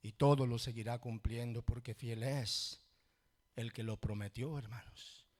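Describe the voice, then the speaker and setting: A male pastor preaching a sermon in a church, repeating "hermanos" constantly and swinging from low murmurs to loud shouts. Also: steady tone, measured pace.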